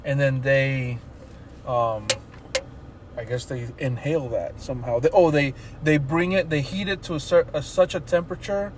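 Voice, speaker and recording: A man's voice: medium pitch, fairly even intonation, normal speed. A man co-hosting a podcast, chatting casually and joking in a loose, rambling way. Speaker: podcast co-host. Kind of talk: casual chat. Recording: background noise.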